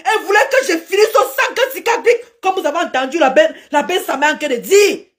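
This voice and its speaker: A woman ranting on a live stream, shouting and tearful with indignation. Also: extremely high pitch, lively intonation, fast. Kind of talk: emotional live-stream rant.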